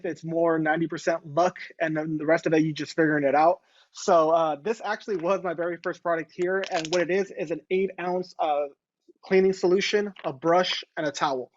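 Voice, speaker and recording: A man in his late twenties, a guest on a casual video interview, talking in a relaxed way with many fillers. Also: sits high, muffled recording. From Los Angeles. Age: 20s. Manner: relaxed, fillers like "going ahead". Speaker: guest entrepreneur.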